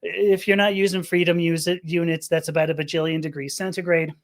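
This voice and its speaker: A woman's voice: fairly low pitch, level tone, fairly quick. A middle-aged woman from Los Angeles, a podcast guest telling a personal story in a rambling, emotional way with restarts and laughter. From Los Angeles, USA.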